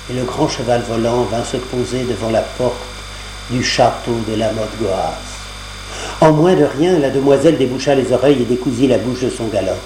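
A man's voice: medium pitch, warm tone. Man reading a fairy tale aloud. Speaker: storyteller. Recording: roomy cassette recording, faint hum.

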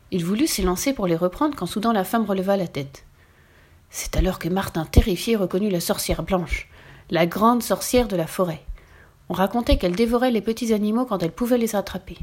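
Woman narrator, gentle expressive storybook read, mid pitch.

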